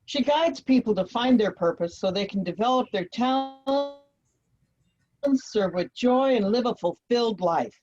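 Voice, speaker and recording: A woman's voice: fairly high pitch, lively intonation, measured pace, a little mellow, faint music behind. A woman practicing a speech introduction as a workshop participant on a video call. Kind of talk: rehearsed introduction and casual asides. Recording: dull video call audio.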